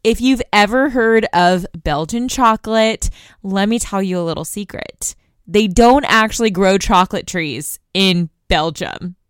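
A woman's voice: medium pitch, unhurried, clean tone, no room sound, studio quality. A young woman from the United States hosting a news podcast, explaining a story in a conversational way and talking straight to her listeners. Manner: conversational, addresses listeners directly.

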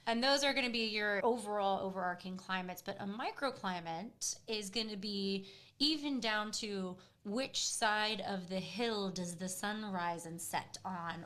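A woman's voice: medium pitch, a bit bright. A woman co-hosting a casual podcast, chatty and asking questions while explaining things for listeners. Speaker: podcast co-host.

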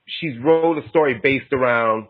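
A man's voice: medium pitch, unhurried. A man co-hosting a podcast in casual chat, explaining things at length and repeating himself. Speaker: podcast co-host. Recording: tinny phone-like line.

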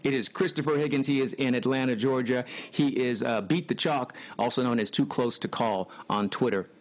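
A man's voice: mid-range voice, fairly quick. A man hosting a racing podcast, introducing a guest and steering the talk with upbeat energy. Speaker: podcast host.

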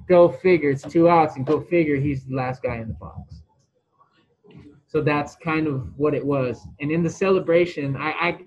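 A man, a former baseball pitcher, telling a story as an interview guest, rambling and swearing freely. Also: lo-fi sound. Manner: animated, rambling storyteller who restarts and swears.

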